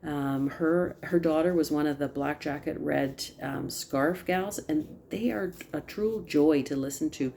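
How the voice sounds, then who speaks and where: A woman with a low, mellow voice talks her sales team through a casual update over a video call. She rambles a little, full of ums and restarts. A faint hum of the room sits behind her. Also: vocal fry. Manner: chatty, many ums and restarts, apologizes for talking fast. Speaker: team leader of direct sales consultants.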